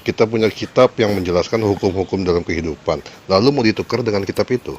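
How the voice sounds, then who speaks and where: A man giving a measured, cautionary argument with hesitant fillers. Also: fairly low pitch, very noisy.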